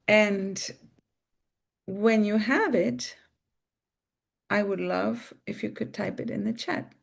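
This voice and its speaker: A woman teaching on a live stream, softly coaxing listeners through a guided visualization and reading viewer comments aloud. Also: medium pitch, very slow, gravelly, pauses often. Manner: soft and coaxing, guiding listeners inward. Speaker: spiritual teacher.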